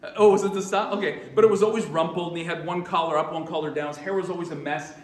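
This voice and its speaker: A man teaching a church class, talking in an energetic, chatty way and often restarting his phrases. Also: a little high, very fast, roomy sound.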